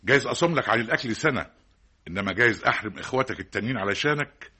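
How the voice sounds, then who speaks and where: A man's voice: medium pitch, animated, very fast, sharp tone, husky. An actor with an Egyptian accent playing a stern, hardworking middle-aged father who lectures his son with rhetorical repetition, in a classic radio drama. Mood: lecturing. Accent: Egyptian Arabic.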